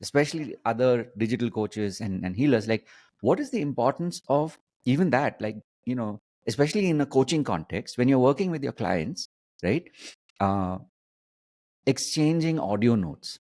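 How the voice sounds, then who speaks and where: A man hosting a conversational interview, phrasing things in halting, repeated, emphatic bursts. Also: mid-range voice, animated, a little mellow. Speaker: host, coaching mentor.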